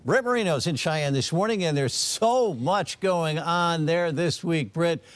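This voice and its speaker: Lively-voiced male news anchor. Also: fairly high pitch, a little slow, no room sound. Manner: friendly and easygoing. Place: TV studio.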